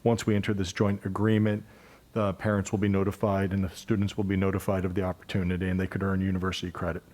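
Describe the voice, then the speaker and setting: Flat-voiced man presenting to a school board. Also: low-pitched. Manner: measured, with hesitation fillers. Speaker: school administrator presenting curriculum. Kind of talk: formal presentation. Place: school board meeting room.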